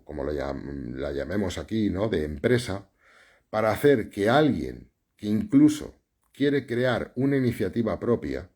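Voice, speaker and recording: Spanish guy teaching journalism on a live stream, deep husky voice, chatty, keeps tacking on "right?". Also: very animated, measured pace, darkish tone. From Spain. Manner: conversational, explanatory, many fillers and tag questions.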